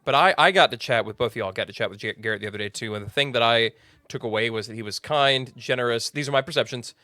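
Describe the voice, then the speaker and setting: A man's voice: medium pitch, fast talker, dry recording. A man hosting a podcast interview, enthusiastic and effusive in his praise. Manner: enthusiastic and effusive, animated emphasis. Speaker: podcast host. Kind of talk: faith-based podcast interview.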